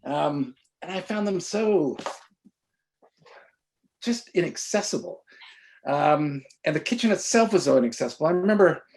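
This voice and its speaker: Halting, animated man telling stories. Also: fairly high pitch. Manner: halting, many restarts and repeated words; animated storytelling. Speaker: author being interviewed. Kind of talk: conversational interview.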